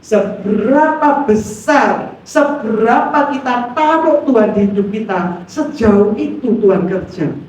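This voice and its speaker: Lively East Javanese woman preaching in echoey hall. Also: a little high, a little slow, slight background noise. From Pasuruan, East Java. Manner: lively, acts out quoted complaints, asks the congregation questions. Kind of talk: sermon. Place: church hall. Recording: echoey hall from far off, dull sound.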